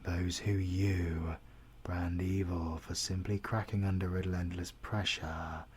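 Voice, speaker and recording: A British man performs a cold, courteous, menacing interrogator for an audio roleplay, choosing formal, deliberate words and at times whispering. His low voice stays level and darkish as he muses cynically, over slight background noise.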